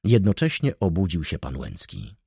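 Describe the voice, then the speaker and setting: Low husky guy reading a novel aloud, lively and expressive, very dry close sound. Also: moderate pace, no echo. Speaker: audiobook narrator. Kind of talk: scripted narration.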